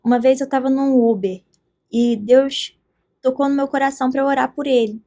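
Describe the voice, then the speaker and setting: A Brazilian woman telling faith stories as a podcast guest, with an animated and earnest delivery. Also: sits high, moderate pace. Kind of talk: faith testimony in a podcast conversation.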